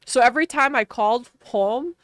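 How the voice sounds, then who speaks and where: A woman from Wisconsin, USA, with a local accent chats casually on a game livestream, laughing often and using "like" constantly. Her voice is a little high and at normal speed, recorded dry with clean studio sound.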